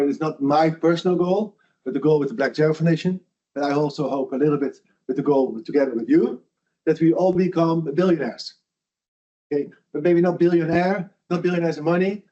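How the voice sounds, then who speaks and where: A middle-aged Dutch man who founded a foundation gives a lunch lecture, earnest and conversational, restarting often. His voice is a little high and mellow, and the recording sounds dull and lo-fi.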